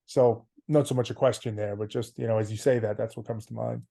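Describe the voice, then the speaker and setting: A male podcast host in a conversational interview, talking in a reflective, hedging way and asking questions gently. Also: medium pitch, fairly even intonation, brisk, vocal fry.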